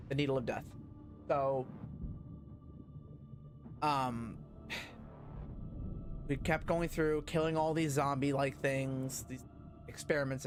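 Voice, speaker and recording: A man hosting a gaming channel, recapping his playthrough in a rambling, profane, excitable way with plenty of fillers. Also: mid-range voice. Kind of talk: casual game recap.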